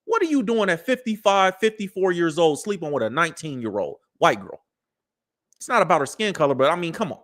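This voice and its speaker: This live commentary host, a high-voiced man in his early thirties, addresses his audience directly with a preachy lecture loaded with street slang. He talks briskly and very animatedly, his tone fairly bright.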